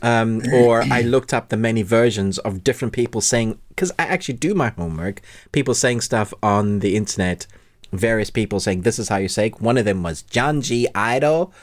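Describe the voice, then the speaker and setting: A man's voice: on the low side, lively intonation, normal speed. A man hosting a podcast in casual chat, upbeat and laughing a lot. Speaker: podcast host.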